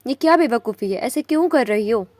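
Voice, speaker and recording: A possessive young husband who pleads fast and forcefully, as a woman narrator voices him. The delivery is urgent and close, with a fairly high dry sound, from a spoken romance novel. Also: animated, no echo. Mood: urgent pleading.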